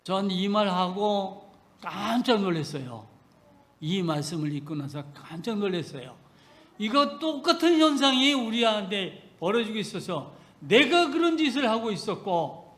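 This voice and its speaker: A male pastor preaching a sermon, emphatic and swinging between loud stresses and soft asides. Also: high voice, sing-song, moderate pace.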